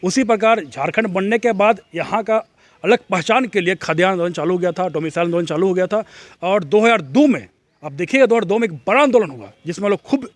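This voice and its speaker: Man, slightly high voice, earnest, explanatory, interview answer. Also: a little fast, no echo. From Jharkhand. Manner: earnest, explanatory, with frequent restarts. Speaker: activist interviewee.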